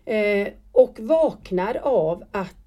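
A woman's voice: medium pitch, expressive, warm tone. A middle-aged woman telling a personal story in casual conversation, often stopping and restarting as she searches for words. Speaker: guest.

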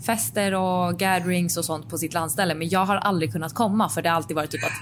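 Animated woman laughing through chat. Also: lowish voice. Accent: Swedish. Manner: animated, laughs often, swears casually. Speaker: podcast co-host. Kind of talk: casual chat. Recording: faint background noise.

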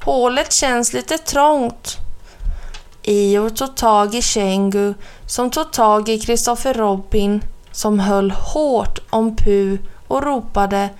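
A woman narrating a children's storybook in a clear, even storytelling manner. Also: medium pitch. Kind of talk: storybook reading.

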